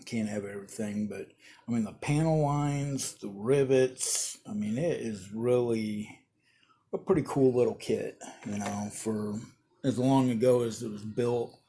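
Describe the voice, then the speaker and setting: A man's voice: medium pitch, a little slow, warm tone, slight background noise. A man giving a rambling, casual update on his model build, full of fillers and restarts, tired and yawning.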